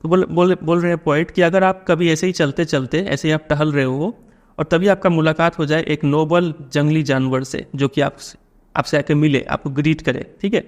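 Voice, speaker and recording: An Indian man teaching a poem line by line to his students. His voice sits a little high, and he talks patiently, stopping often to check that they follow. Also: steady tone, moderate pace.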